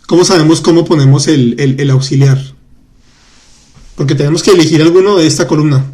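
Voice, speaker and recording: A man's voice: on the high side, warm tone. Upbeat man teaching a live class. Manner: chatty, reads out student comments, repeats words slowly. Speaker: French teacher. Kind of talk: live online class, explaining grammar.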